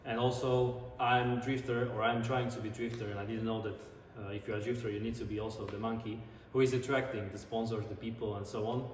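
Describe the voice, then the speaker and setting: A man's voice: lowish voice, level tone. Slovak-accented man in an echoey, reverberant space. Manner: earnest, slightly halting non-native English. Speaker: drifter and car-building vlogger. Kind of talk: casual vlog talk to camera. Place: large indoor garage. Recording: echoey garage, distant mic, background noise.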